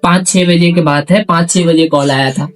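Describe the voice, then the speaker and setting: A man's voice: on the high side, fairly even intonation, normal speed. A man making a prank call video, chatting casually in a hesitant, repetitive, rambling way. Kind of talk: casual phone chat and vlog talk.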